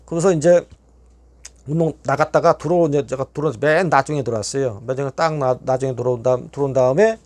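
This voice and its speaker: Middle-aged male storyteller, quick and animated, acts out dialogue, salty language. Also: medium pitch. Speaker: YouTube storyteller. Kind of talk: casual storytelling.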